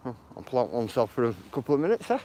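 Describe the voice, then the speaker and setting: A man with a Lancashire accent talks at an even, middle pitch as he streams live from a phone on a walk. He greets viewers one after another in a friendly, slangy way, with faint noise outdoors. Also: fast. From northern England. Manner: chatty, greets viewers by name; uses slang like bro and bruv. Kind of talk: casual walking live stream. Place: outdoors by water.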